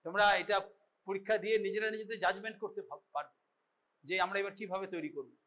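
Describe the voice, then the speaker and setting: A man's voice: sits high, fast talker, a bit bright. A man giving a medical college lecture, instructive and often checking that students understand. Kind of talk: classroom lecture, demonstrating an exam.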